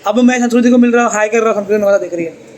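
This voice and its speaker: A man's voice: sits high, very fast, a little mellow, slight background noise, rough recording. Jokey man teaching a classroom. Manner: jokey, teasing, chatty. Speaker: tuition teacher. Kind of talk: classroom lecture. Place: tuition classroom with students.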